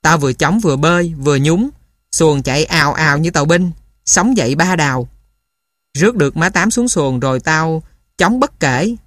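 A man reading a memoir aloud as a steady storyteller. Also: on the high side, normal speed, dry recording, studio quality. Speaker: narrator.

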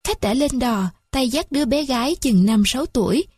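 A woman's voice: high-pitched, expressive, normal speed, darkish tone, breathy edge, no room sound. A woman narrating a literary story in a lyrical, mournful reading.

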